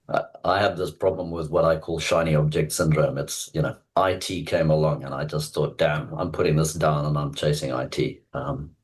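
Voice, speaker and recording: A man's voice: a bass voice, darkish tone, poor audio. A South African man in his fifties, an executive coach talking reflectively as a guest, with many fillers and restarts. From Zambia and Zimbabwe. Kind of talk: conversational interview.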